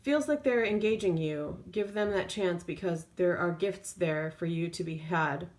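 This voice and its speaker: In an intuitive tarot reading, a woman speaks spontaneously in a fairly low voice, groping for her phrasing amid extended pauses.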